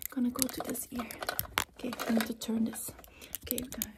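A young woman doing fast, aggressive ASMR ASMR role-play, mostly soft-spoken with bursts of soft voice and repeating short words rapidly. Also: fairly high pitch, little pitch movement. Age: young adult. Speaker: ASMR performer. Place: small indoor room with acoustic foam panels. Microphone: held or very close microphone. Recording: close noisy mic with handling clicks.

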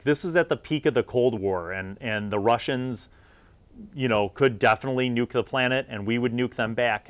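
A middle-aged man hosts a tabletop gaming review series, rambling through an unscripted, opinionated take. His medium-pitched voice is recorded dry.

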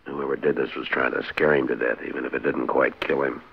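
Very deep, steady frontier marshal. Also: male voice, fairly quick, gravelly, slightly rough, heavily acted. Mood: concerned. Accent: American. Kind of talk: 1950s radio western acting. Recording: dull, noisy 1950s radio recording.

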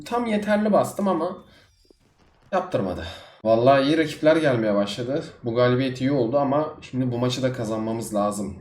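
A man giving live commentary on his own gameplay as a gaming YouTuber, swinging between low muttering and sudden outbursts. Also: a little fast, darkish tone. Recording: echoey room with faint music.

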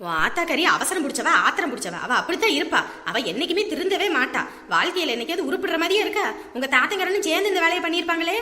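A woman's voice: extremely high pitch, sing-song, rapid-fire, pushed and bright, echoey room, big-room sound, heavily acted. A woman playing an outspoken elderly village grandmother in a comedy skit, scolding and protective with emphatic calls. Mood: indignant.

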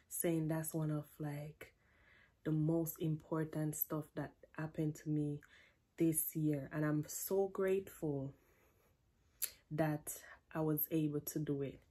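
Her low, slow, slightly rough voice carries a Jamaican accent as this woman in her twenties hosts a casual bedroom Q&A vlog. Playful and relaxed, she drifts into patois while a camera records her up close.

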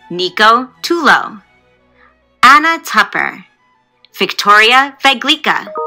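A woman's voice: fairly high pitch, sharp tone, low-quality recording. A woman carefully reading a long list of honor society inductees' names. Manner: careful, deliberate name reading.

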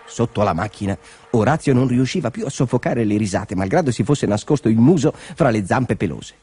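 A man narrating a children's story in a lively, expressive reading. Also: medium pitch, a little fast, husky, no echo.

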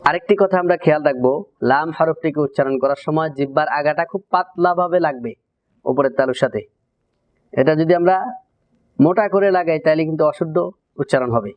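A man teaching Quran recitation, giving a pronunciation lesson and drawing out syllables in slow repeated drills. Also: fairly high pitch. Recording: slightly dull lo-fi recording.

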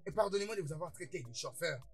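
An actor dubbing a boastful, excitable older brother in a French-dubbed film, who stammers and repeats words. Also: male voice, a little high, fast talker, soft background music. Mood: apologetic. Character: boastful excitable older brother, newly rich, quick-tempered. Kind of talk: French dub of a Nigerian film.

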